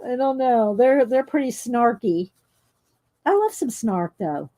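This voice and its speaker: A woman with a slightly high, expressive, loud voice that carries talks a bit slowly. As a coloring channel host, she chats casually while coloring on a livestream, rambling and laughing often.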